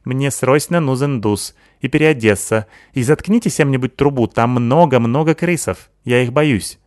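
A man's voice: mid-range voice, moderate pace, a little mellow, dry recording, studio quality, pitched above the performer's own voice, natural voice. A man voicing a vain, fussy young woman who lisps, swapping z for zh, and talks in a whiny, indignant way. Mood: fearful. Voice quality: lisping, says z for zh.

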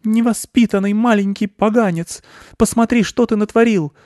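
A big, bossy female shrew, voiced by a male storyteller, scolds in a high, shrill voice. She nags and lectures without letup. The recording is dry and close. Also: animated, normal speed, a little mellow, no room sound. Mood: scolding.

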